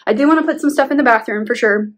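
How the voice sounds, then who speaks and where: A woman's voice: on the high side, racing. Tired, chatty young woman vlogging at home. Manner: chatty, rambling, uses "like" often, laughs between words. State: tired, out of breath at times. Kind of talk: casual vlog talk to camera. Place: home bedroom being painted.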